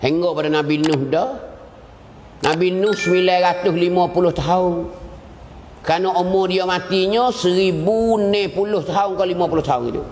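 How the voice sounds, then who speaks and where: A man delivers an Islamic lecture in a fairly high voice. His storytelling swings up and down in pitch and keeps repeating short phrases. The sound rings with a long hall reverb. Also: normal speed, darkish tone, slight background noise. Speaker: religious teacher.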